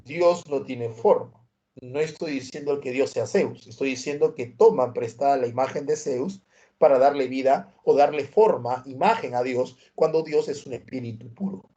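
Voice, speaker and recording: A man's voice: mid-range voice, normal speed, dark tone. A man from Peru teaching history in a university prep lecture. He tells stories with animation and keeps checking in with tag questions.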